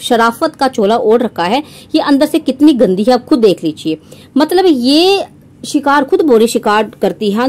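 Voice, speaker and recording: With a fairly high, darkish voice, a young woman reacts to content for her viewers, scoffing and sarcastic, and she tends to tag her statements with a rhetorical question.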